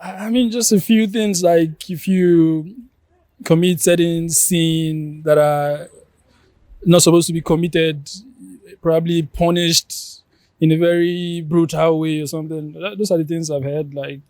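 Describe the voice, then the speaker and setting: Hesitant man with a lightly raised pitch. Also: steady tone, measured pace, darkish tone, no echo. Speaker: street interviewee. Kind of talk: casual chat.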